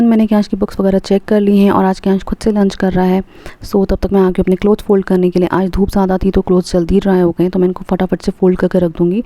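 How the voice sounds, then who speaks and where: A woman in her thirties talks through her day as a mother in a casual vlog. Her voice is very dark and mellow, at a middling pitch. She chats along and slips English phrases into her Hindi. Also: no room sound. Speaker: vlogger and mother. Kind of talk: casual vlog narration of a daily routine.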